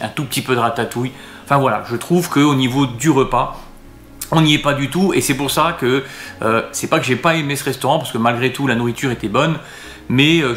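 Casual male vlogger at mid pitch, halting with many fillers, in a reverberant room. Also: fairly bright tone. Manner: hesitant, many fillers and restarts. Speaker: vlogger reviewing restaurants. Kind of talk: casual talk to camera.

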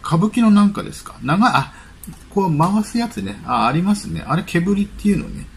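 A man's voice: high voice, sing-song, brisk, gravelly, a little hiss or hum. A man hosting his own channel, reading celebrity news items aloud and breaking off into chatty, musing asides. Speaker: channel host. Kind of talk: casual commentary on celebrity news.

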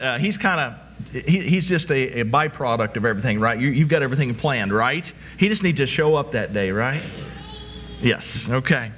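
A man's voice: mid-range voice, fairly bright tone, slight background noise. A middle-aged man preaching a sermon from a church stage, asking rhetorical questions and restarting his words as he walks about. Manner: repetitive rhetorical questions, frequent stammered restarts. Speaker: pastor.

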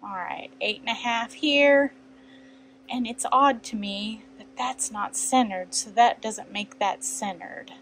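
Slow-talking woman quilter thinking aloud. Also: on the high side, fairly bright tone, slight background noise, rough recording. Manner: chatty, thinks aloud while measuring. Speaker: quilting channel host. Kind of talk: casual sewing tutorial. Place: sewing room at a cutting table.

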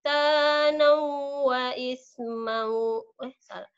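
A woman in her thirties recites Quran verses very slowly and with care, stopping now and then to correct herself. Her voice sits a little high. It comes through a dull, lo-fi call line. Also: steady tone, clear, resonant tone. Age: 30s. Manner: careful, hesitant recitation with small self-corrections. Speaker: adult student. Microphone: video call.

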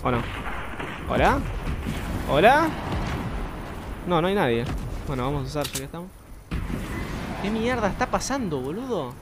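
Young argentine guy streaming, kinda high voice, swears a ton, noisy game audio behind. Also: big pitch swings, moderate pace, pauses often. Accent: Argentine Spanish. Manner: chatty, swears a lot, bursts into shouting. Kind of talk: live game commentary.

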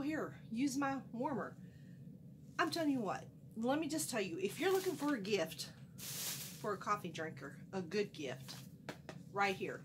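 In a casual haul vlog, a middle-aged woman with a twang and a medium-pitched voice chats to the camera from a small room at home, a bit nasal from a cold. Folksy and animated, she rambles happily about her bargains, wandering off mid-sentence and losing her train of thought, while a steady hiss runs underneath.

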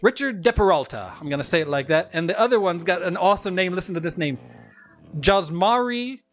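A man's voice: high voice, fast talker, highs cut off, slight background noise. A man co-hosting a Let's Play, chatting casually in a rambling, self-mocking way and laughing often. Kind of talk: casual gameplay chat.

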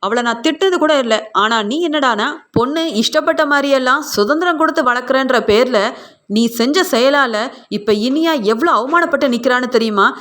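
A woman's voice: high-pitched, fairly quick, fairly bright tone. Woman doing an angry accusing father. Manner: accusing, hectoring. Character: angry middle-aged father, blaming ex-wife.

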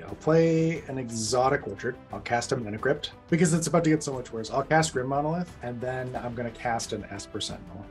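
A man playing a card game who rattles off his plays briskly with light laughter. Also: medium pitch, music in the background. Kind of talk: casual gameplay chat.

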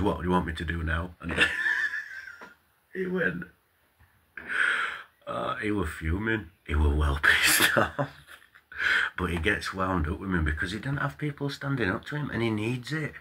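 A middle-aged man, telling a story in a casual, animated monologue, acting out quoted dialogue and swearing now and then. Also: low voice, normal speed, pauses often, slight background noise. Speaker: vlogger.

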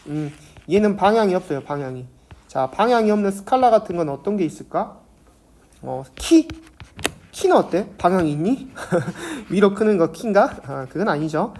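A woman's voice: medium pitch, sing-song, moderate pace, warm tone. A woman teaching a math lesson, explaining step by step and asking and answering her own questions. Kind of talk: classroom math lecture.

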